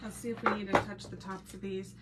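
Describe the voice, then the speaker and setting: A woman's voice: mid-range voice, little pitch movement, fast talker. Texan woman, crafter hosting a live stream, chatty and laughing, noisy hiss behind. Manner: chatty, laughs often, greets viewers by name. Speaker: craft channel host reading live chat. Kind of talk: casual live-stream chat while painting.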